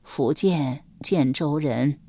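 A woman reader voicing a kindly elderly woman servant, speaking slowly and motherly with sighs, as an audiobook character. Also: sits low, darkish tone, full character voice. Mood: surprised, pleased. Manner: slow, sighing, motherly.

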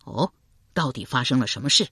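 An earnest male general who keeps politely pressing for answers, read plainly in an audiobook by a woman voicing every part. The voice sits low with a husky grain. The sound is close and dry. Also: lively intonation, a little fast, a bit bright, no echo, exaggerated voice.

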